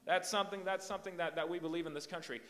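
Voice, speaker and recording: A young man who grew up in Hong Kong and the Philippines gives an animated, emphatic youth sermon as an invited speaker, often repeating his words. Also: fairly high pitch, very fast.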